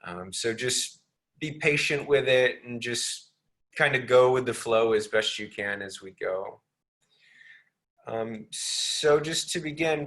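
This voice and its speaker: A man leading a guided meditation in a gentle, unhurried way, with frequent ums. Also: medium pitch.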